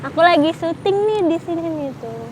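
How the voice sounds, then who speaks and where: A woman's voice: very high-pitched, animated, moderate pace, a little mellow, slight background noise. A young woman with a Jakarta Indonesian accent, chatting casually in a playful, teasing vlog style. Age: young adult. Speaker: vlogger making prank calls.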